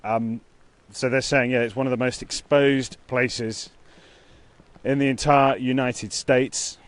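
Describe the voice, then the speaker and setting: A man giving an earnest, halting, unscripted live news report outdoors in a storm, speaking into a phone. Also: mid-range voice, fairly even intonation. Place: outdoors near a hotel in a storm. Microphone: phone held by the speaker. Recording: noisy outdoor wind and rain. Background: storm ambience.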